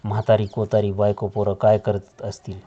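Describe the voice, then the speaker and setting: A man narrating a novel in a steady, measured storytelling manner. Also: on the low side. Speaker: audiobook narrator. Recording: dull lo-fi audio.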